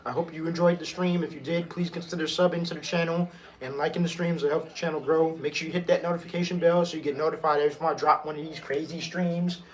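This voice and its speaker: A man hosting a sports watch stream, hoarse from yelling and losing his voice, excitable and swearing as he sums up the game. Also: on the high side, fast. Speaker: stream host.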